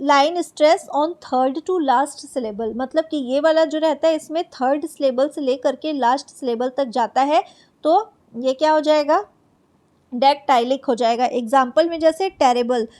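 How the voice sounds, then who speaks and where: A woman teaching an exam-prep lesson, explaining in Hindi, reading English definitions aloud slowly, and asking and answering her own questions. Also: high voice, darkish tone.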